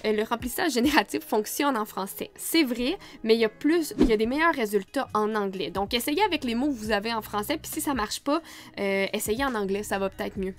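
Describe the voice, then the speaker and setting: A woman's voice: on the high side, fairly quick. A woman photographer with a Quebec French accent, teaching in a chatty, casual way with frequent laughs. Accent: Québécois French. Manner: chatty, laughs often, many fillers. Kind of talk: casual screen-recorded tutorial.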